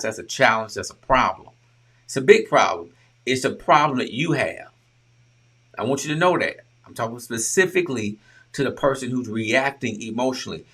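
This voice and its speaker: A man's voice: medium pitch, a bit bright, husky. Emphatic man coaching on relationships. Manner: emphatic, preachy, repeats rhetorical questions. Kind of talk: direct-to-camera talk.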